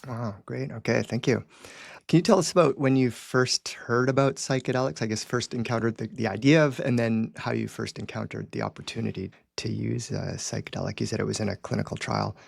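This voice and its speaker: A man hosting a podcast, reading a scripted intro and asking questions in a measured, polite way. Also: mid-range voice, steady tone, vocal fry, breathy edge, no room sound, clean studio sound. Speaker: podcast host.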